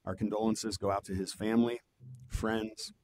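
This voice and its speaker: Male official chairing a public meeting, measured prepared delivery, flat intonation, faint rumbling room noise. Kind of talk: formal public meeting remarks, read from notes.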